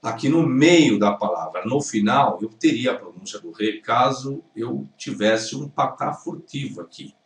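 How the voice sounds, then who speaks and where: A Brazilian man who teaches Hebrew critiques a video point by point, repeating the correct pronunciations in a lecture-style commentary. His voice is medium-pitched, expressive and unhurried, with few pauses, and the recording sounds roomy and distant.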